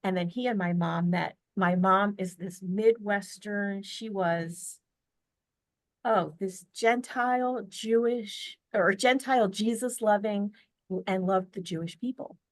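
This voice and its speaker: Speaking slowly in a mid-range voice, an American woman recounts a family story during a casual interview held over video call. She's earnest and talkative, full of fillers and restarts, and the recording is dry.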